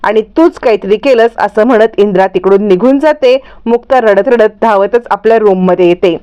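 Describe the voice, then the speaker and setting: A woman narrating a lively retelling of a TV serial episode. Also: medium pitch, normal speed, smooth, highs cut off. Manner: lively storytelling.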